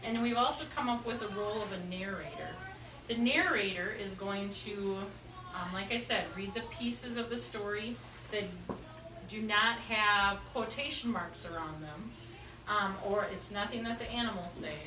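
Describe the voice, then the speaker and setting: A woman with a medium-pitched voice speaks at a normal pace as she teaches young children in a classroom, patiently asking questions and echoing their answers. The recording is noisy and echoey, picked up by a distant mic.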